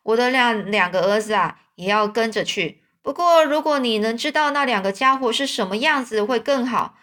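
A woman's voice: a little high, lively intonation, normal speed, fairly bright tone. A woman voicing a kindly, talkative old man in a storybook reading. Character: kind old man, warm father.

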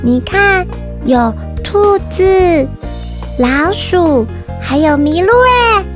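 A woman's voice: extremely high pitch, lively intonation, very slow, faint music behind, heavily acted. A woman playing a tender, sensitive little girl with a childlike, wondering manner in a children's story. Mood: affectionate.

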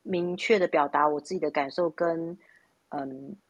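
A woman's voice: low voice, dry recording, muffled recording. A woman sharing a personal story in a casual live chat. She speaks hesitantly, with many restarts and repeated words. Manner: hesitant, halting, repeats words, acts out quoted speech.

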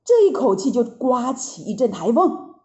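A woman narrating a classic children's story in an expressive, drawn-out way. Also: a little high. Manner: lively, expressive, drawn-out phrasing. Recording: dull lo-fi recording.

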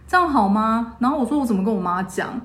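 A woman's voice: fast talker, roomy sound. A woman in her thirties co-hosting a podcast, retelling a personal story in casual chat and acting out the people she quotes. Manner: lively retelling, acting out quoted voices with pitch jumps. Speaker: podcast co-host.

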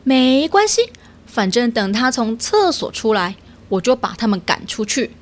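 A woman's voice: on the high side, big pitch swings, moderate pace. A woman voicing a cheeky, grumpy little sea otter who talks in a whiny, impatient way in a children's storybook. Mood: grumbling.

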